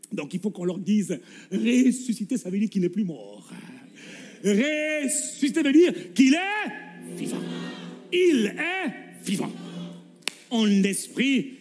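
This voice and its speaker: A man with a French accent preaching a lively sermon as pastor, acting out Gospel scenes in voices and calling the congregation to answer. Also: sits high. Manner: calls for responses from the congregation. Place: church hall. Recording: long hall reverb with faint music.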